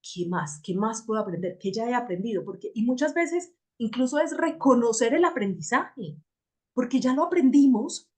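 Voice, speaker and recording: A woman's voice: a little high, animated, moderate pace, darkish tone. A woman teaching a personal growth workshop, talking reflectively and often checking in with her listeners. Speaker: workshop facilitator.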